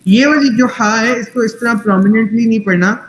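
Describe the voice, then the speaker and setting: High-voiced tajweed teacher. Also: male voice, roomy sound, slight background noise, poor audio. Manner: patient, corrective, mixes English phrases into Urdu. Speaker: Quran recitation teacher. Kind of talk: online tajweed class.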